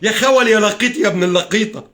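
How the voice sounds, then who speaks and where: Furious fast-talking Egyptian man ranting. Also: high voice, a bit bright. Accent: Egyptian Arabic. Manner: furious, cursing, pleading. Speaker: live streamer. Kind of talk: angry political livestream rant.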